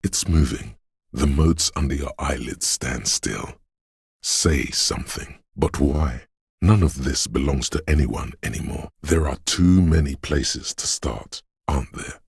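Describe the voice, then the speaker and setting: A haunted city's brooding, poetic inner sense is voiced by a male actor in an exaggerated, very deep and gravelly tone, the game narration solemn, measured and atmospheric. The mood is solemn and eerie, captured at studio quality with no echo.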